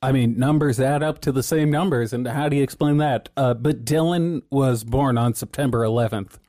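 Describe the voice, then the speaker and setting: A man's voice: mid-range voice, moderate pace, mellow, dry recording, studio quality. A man co-hosting a casual podcast, presenting research notes in a laid-back, profane way and laughing often.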